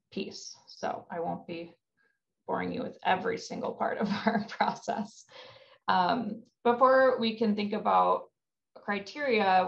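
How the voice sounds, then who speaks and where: A woman's voice: on the low side, vocal fry. A woman researcher giving a conference presentation over a video call, explaining step by step with frequent ums and self-corrections. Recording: dull lo-fi webinar audio.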